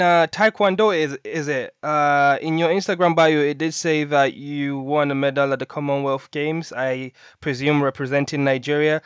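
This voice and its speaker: A man's voice: on the high side, clean tone, no room sound. A male interview host welcoming a guest and asking rambling, friendly questions on a video call. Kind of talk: interview hosting. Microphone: headset on video call.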